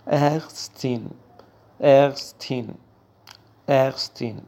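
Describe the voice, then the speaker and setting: A man teaching a language vocabulary lesson, repeating each word slowly for pronunciation drill. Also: mid-range voice, gravelly, darkish tone.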